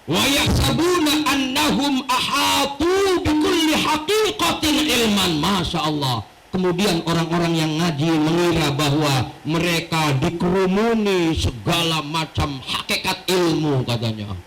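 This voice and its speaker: A male preacher giving an animated mosque sermon, joking and quoting Arabic texts. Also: high-pitched, unhurried, few pauses, a crowd in the background, low-quality recording. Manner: animated storytelling with jokes and Arabic quotations. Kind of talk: mosque study-circle sermon. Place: mosque hall.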